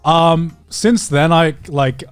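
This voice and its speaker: Animated guy chatting on a podcast, higher voice, really dry close sound, repeats stuff when excited. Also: takes it slowly, smooth, no echo. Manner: animated, repeats words for emphasis. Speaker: podcast co-host. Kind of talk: casual chat.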